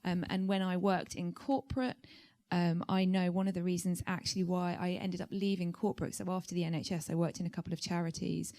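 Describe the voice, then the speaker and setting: Low-voiced, reflective woman panelist. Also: level tone, a little fast, few pauses, warm tone. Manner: reflective, hesitant with fillers. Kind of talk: panel discussion answer.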